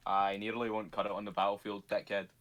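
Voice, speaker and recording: A man doing a curt male warrior tutor in a Scottish accent, reading a fanfic aloud. The voice sits very low and comes out sharp, with clipped, dry lines. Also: flat delivery, fast talker, natural voice. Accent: Scottish, put on.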